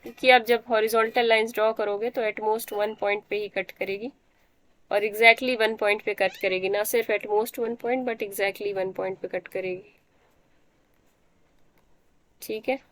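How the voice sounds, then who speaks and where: A woman's voice: mid-range voice, fairly even intonation, a little slow. A woman teacher giving a math lecture, explaining step by step and often checking that the students understand.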